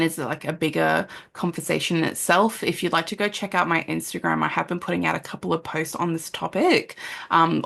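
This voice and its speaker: A woman in her thirties hosts a solo parenting podcast, her voice sitting low with a heavy, crackly fry running through it. She talks in an earnest, chatty way, leaning on "um" and "like" as she goes. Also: fairly bright tone. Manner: earnest and conversational, with frequent "um" and "like" and occasional laughs. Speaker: podcast host, parenting counsellor.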